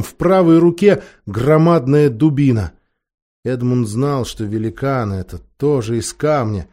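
A man narrating a fairy tale audiobook with expressive, dramatic storytelling. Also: on the high side.

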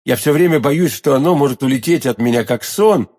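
A man's voice: medium pitch, a little fast, a little mellow, lightly acted. A man voicing an ardent, pompous young musketeer in an audiobook reading, exclaiming eagerly. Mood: passionate eager.

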